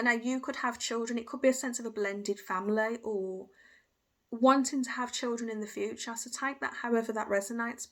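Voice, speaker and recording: A woman giving a casual tarot reading, talking intuitively and hesitantly with restarts and "I feel" phrases. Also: on the high side. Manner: hesitant, hedging with frequent fillers and restarts. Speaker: tarot reader.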